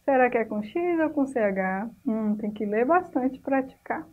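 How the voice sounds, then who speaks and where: A woman's voice: fairly high pitch, animated, moderate pace, narrow, tinny audio. A woman teacher giving a recorded class to children, patiently stretching out the example words and asking the class questions.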